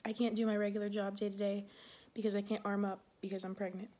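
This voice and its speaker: A woman's voice: medium pitch, level tone, quick pace, warm tone. A pregnant woman in her twenties who serves in the Air Force, chatting casually in a rambling vlog, full of fillers and a little short of breath.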